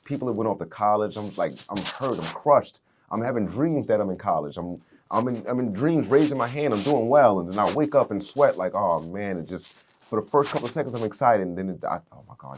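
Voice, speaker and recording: A man in his thirties, a podcast guest, telling his life story in a casual, animated way, peppered with "man" and "dude.". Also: lowish voice, a little hiss or hum. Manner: animated storyteller, swings loud and soft, repeats "man" and "dude".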